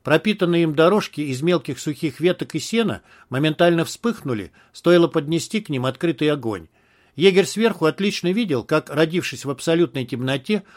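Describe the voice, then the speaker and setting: Male audiobook narrator, voice a bit high, acts out the shouts.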